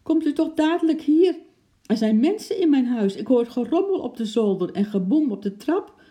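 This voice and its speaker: A man voicing a sick, frightened older man in bed who calls out in a high, quavering, stammering voice. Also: animated, normal speed, mellow.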